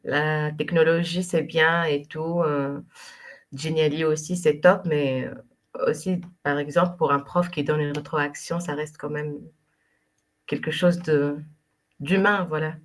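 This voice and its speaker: A woman's voice: low voice, fairly even intonation, measured pace. A woman, a language teacher, chatting casually on a video call, often agreeing in short interjections. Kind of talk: casual discussion.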